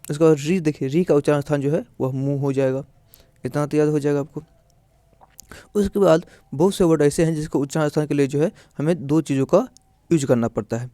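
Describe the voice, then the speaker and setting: A man teaching a classroom grammar lesson, his voice pitched a little high yet soft and warm in tone. He explains step by step, repeating himself and asking questions he then answers. The sound is dry, with no room echo. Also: a little fast. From India. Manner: repetitive, explaining step by step with filler phrases.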